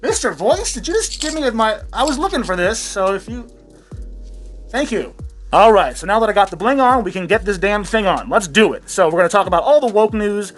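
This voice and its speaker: Sarcastic and self-amused, this satirical commentary show host rambles through a rant full of swearing. He speaks a little fast in a high-pitched man's voice with lively intonation, while soft music plays in the background.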